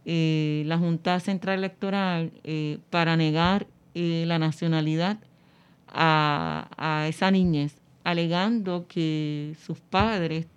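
A woman explaining things in an interview, haltingly and searching for words. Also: fairly low pitch, clean tone, dull audio.

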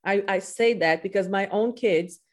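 A thirtysomething woman born in Brazil, a native Portuguese speaker, chats about teaching as a podcast guest in a relaxed interview, full of "you know" fillers. Her voice is mid-range and she speaks at a normal speed.

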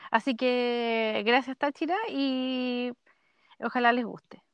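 A woman's voice: fairly high pitch, fairly even intonation, slow pace, clear, resonant tone, no echo, dull audio. A woman with a Chilean accent co-hosting a podcast from home over a call, telling rambling stories in casual chat. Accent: Chilean Spanish. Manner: rambling, chatty storyteller. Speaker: podcast co-host. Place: home, connected remotely. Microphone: computer mic on a call.

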